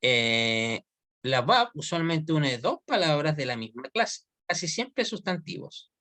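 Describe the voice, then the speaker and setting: Male teacher, patient step-by-step explainer, very animated intonation, dry close sound. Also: a little high, takes it slowly, dry recording. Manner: explains step by step, often checks in with students. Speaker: Hebrew teacher. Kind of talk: online class lecture.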